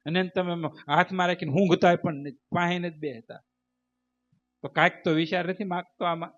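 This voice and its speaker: A man's voice: high voice, fairly even intonation, fairly quick, fairly bright tone. A man giving a devotional sermon as a spiritual teacher, preaching emphatically with rhythmic repetition. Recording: dull lo-fi recording.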